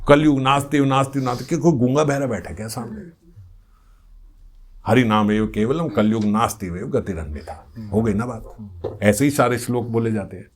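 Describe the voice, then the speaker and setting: A man's voice: on the low side, a little hiss or hum. A man giving a devotional discourse, speaking earnestly and repeating phrases for stress, now and then acting out little everyday scenes. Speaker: spiritual speaker.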